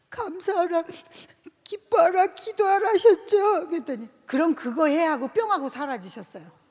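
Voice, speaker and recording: A woman, a company president, telling her faith testimony in a lively storytelling way and acting out the voices of others. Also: a little high, husky. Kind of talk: church testimony talk. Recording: reverberant large hall.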